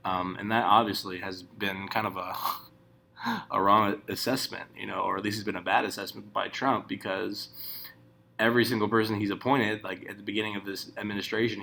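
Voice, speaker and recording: A man's voice: fairly low pitch, creaky, pushed and bright. A man giving casual, rambling political commentary, swearing often and restarting his sentences. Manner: profane, rambling, many restarts.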